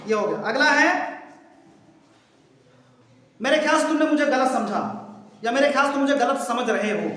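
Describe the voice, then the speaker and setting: Man, Indian accent, English teacher, very high voice, repeats example sentences, echoey room, long reverb. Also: moderate pace, long pauses, fairly bright tone. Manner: patient, repetitive drilling of example sentences. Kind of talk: bilingual spoken English lesson.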